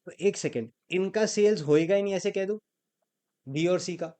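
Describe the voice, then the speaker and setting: Man lecturing, slightly high voice, quizzes the class, prompts replies, mixes in english terms. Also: normal speed, mellow. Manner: quizzing students, prompting answers. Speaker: accounting teacher. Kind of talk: classroom lecture with call-and-response.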